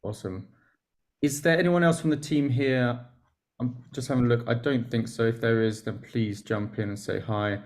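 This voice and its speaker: A man hosting a live video call, presenting in a relaxed, chatty way. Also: medium pitch, moderate pace. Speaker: host.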